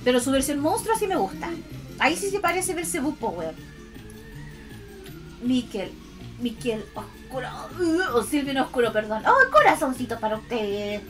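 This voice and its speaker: A woman with a Chilean accent chatting casually on a livestream to her viewers, expressive and affectionate in a cutesy, girlish e-girl manner. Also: sits high, normal speed, pauses often. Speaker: VTuber art streamer. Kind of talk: casual livestream chat, reading and answering viewers' comments. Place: indoors at a computer. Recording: music behind the voice.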